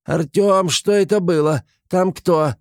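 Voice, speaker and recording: A man voicing a small, simple-hearted male creature who talks in an excitable, touchy way, reading an audiobook. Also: dry recording, clean studio sound, natural voice. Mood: excited. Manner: squeaky, excitable, quick to take offense.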